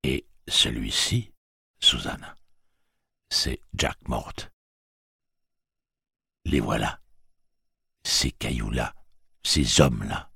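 A man's voice: very deep voice, drawn-out words, gravelly, long pauses, breathy edge, dry recording, clean studio sound, pitched below the performer's own voice, heavily acted. A man reading a stern gunslinger mentor. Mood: cold. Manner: flat, blunt, commanding.

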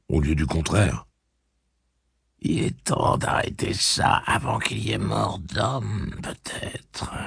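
A man narrating an audiobook in a very low, gravelly voice. His delivery swings widely in pitch, dramatic and lively. The sound is close and dry, with no room around it. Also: dry recording. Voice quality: deep gravelly husky voice. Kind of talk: expressive audiobook reading.

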